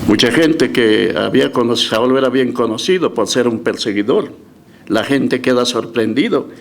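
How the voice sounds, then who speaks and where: A man's voice: medium pitch, moderate pace, creaky, a little hiss or hum. A male pastor preaching a sermon, retelling scripture with emphatic rises and dramatic quoted voices, with frequent restarts. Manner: restarts and self-corrections.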